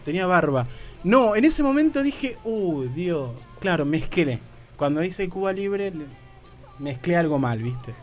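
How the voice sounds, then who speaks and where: A man with an Argentine accent spins a comic tale in a radio studio, his voice sitting a bit high. He rambles and stumbles over words in a nervous stammer, with faint music playing softly behind him. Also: big pitch swings, a little slow. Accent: Argentine Rioplatense.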